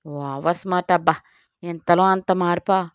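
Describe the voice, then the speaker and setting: A woman's voice: lowish voice, steady tone, normal speed, clear, resonant tone, dry recording, close to an everyday voice. A woman reading the lines of a fierce, snappy young woman in an audio story. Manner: snappy, scolding. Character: young woman, fierce, sharp-tongued sister. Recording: dull, dry.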